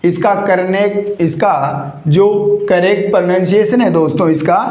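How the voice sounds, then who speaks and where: A man's voice: sits high, measured pace, darkish tone. A man teaching English grammar in a classroom-style lecture, constantly asking rhetorical questions and repeating the answers. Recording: echoey muffled room.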